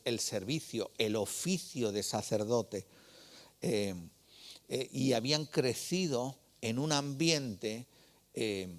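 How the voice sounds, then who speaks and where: Preacher telling stories. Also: male voice, medium pitch. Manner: conversational storytelling with rhetorical questions to the congregation. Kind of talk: sermon.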